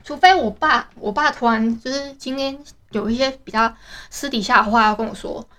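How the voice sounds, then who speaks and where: A woman's voice: fairly high pitch, fairly quick, a bit bright. A young woman with a Taiwanese Mandarin accent chatting casually in a rambling diary style, with many restarts and fillers. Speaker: podcast host.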